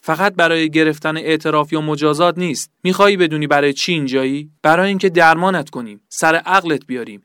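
A man's voice: on the high side, clear, resonant tone, no room sound. Man voicing stern fanatical interrogator, lecturing, resonant voice, dry close sound. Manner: stern, lecturing, rising to shouts.

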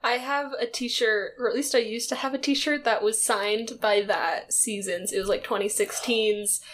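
A woman's voice: a little high, fairly even intonation, moderate pace, a bit bright, slight background noise. A woman co-hosting a podcast, chatting casually in an easy, amused way. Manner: laughs easily as she talks. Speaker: podcast co-host. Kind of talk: casual chat.

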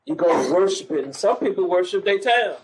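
Commanding high-voiced street preacher man. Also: animated, brisk, poor audio. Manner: commanding, mocking, calls for the next verse. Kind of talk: street preaching with scripture reading.

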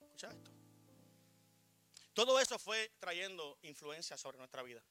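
Brief: middle-aged Puerto Rican preacher, slightly high voice, very bright and cutting, loud peaks and quiet asides. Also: male voice, big pitch swings, normal speed, clean tone, soft background music. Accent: Puerto Rican Spanish. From Puerto Rico. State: short of breath. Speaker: pastor. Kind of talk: sermon.

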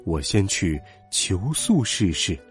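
A meek, kindly monk master , voiced by a male narrator, who speaks low, quiet and unhurried. His tone is husky and humble, like a storybook read at bedtime, with faint music behind. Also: sing-song, full character voice. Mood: gentle. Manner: soft, slow and humble. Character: gentle, timid old-style monk master, male.

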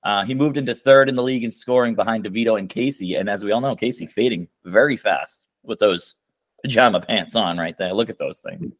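A man's voice: on the low side, a little fast, no echo. Teasing man reading off standings. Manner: teasing, stats-minded. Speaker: podcast co-host. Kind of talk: casual chat among friends.

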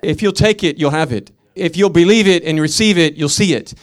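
Male pastor, fiery sermon delivery, rhythmic repeats, slightly high voice. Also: fairly quick. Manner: impassioned preaching, swinging from loud emphatic peaks to quiet storytelling; repetitive, rhythmic emphasis.

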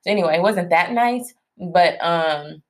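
A woman's voice: on the low side, normal speed. Woman podcast co-host, chatty storytelling, easygoing. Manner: chatty storyteller, laughs easily. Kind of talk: casual chat.

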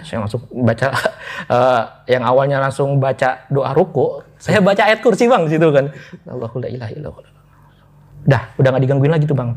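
A man with a mid-range voice, a guest in a casual interview, tells a ghost story in loose, chatty speech full of restarts, often speaking straight to the listener.

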